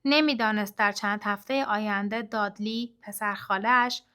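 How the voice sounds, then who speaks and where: A woman's voice: medium pitch, sharp tone, clean tone. A woman reading a children's fantasy novel aloud as a narrator, giving the characters' lines lightly varied voices. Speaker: audiobook narrator.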